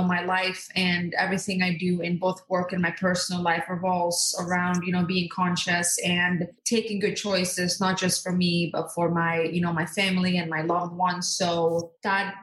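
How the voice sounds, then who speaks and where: Earnest woman in an echoey room. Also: lowish voice. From Norway. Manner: earnest, warm storytelling with many "you know" fillers. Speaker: guest, skincare brand founder. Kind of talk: podcast interview.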